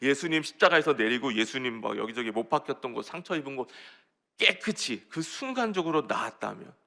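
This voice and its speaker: A man's voice: medium pitch, expressive, fairly quick, creaky, sharp tone. A male pastor giving an early-morning sermon in a church, talking conversationally and putting questions to the congregation.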